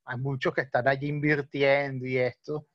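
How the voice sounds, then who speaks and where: A man's voice: medium pitch, little pitch movement, moderate pace, no room sound, highs cut off. A male language teacher, explaining patiently on a video call and often checking that listeners follow. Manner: patient, many fillers and checking questions.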